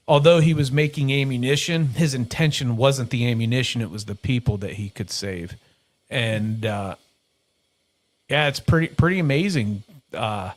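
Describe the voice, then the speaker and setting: A middle-aged man talking loosely on a podcast, wandering through his points and correcting himself as he goes. He laughs easily and keeps a relaxed, chatty flow. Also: mid-range voice. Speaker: podcast host. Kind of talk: casual chat.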